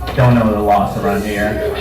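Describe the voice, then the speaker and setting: A man's voice: lowish voice, little pitch movement, normal speed. Profane stand-up man in a roomy bar. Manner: casual, profane, self-mocking crowd work. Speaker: stand-up comedian. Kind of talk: live stand-up set. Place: bar comedy night. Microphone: handheld microphone. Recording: roomy bar sound from a distance.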